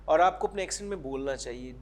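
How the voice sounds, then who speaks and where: A man's voice: on the high side, expressive. A man with a Pakistani accent, a guest English teacher answering interview questions and mixing English phrases into his talk. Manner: mixes English phrases into Urdu, explanatory.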